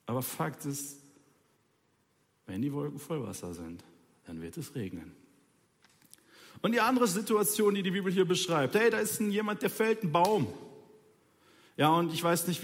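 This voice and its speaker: A man's voice: fairly high pitch, normal speed, long reverb tail. A man preaching an informal sermon, talking straight to his listeners in a colloquial, ironic way.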